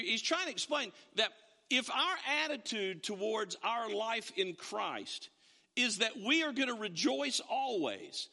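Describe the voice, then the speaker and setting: A man preaching a sermon to his congregation in a church, animated and often restarting his words. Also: very high voice, vocal fry, in a large hall. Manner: animated, with frequent stammered restarts. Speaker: pastor. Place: church sanctuary.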